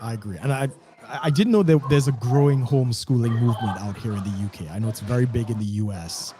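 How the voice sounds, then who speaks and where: Mellow-voiced interview host, a man. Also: mid-range voice. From Trinidad and Tobago. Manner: affirming, quick agreeing interjections. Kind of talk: casual conversational interview.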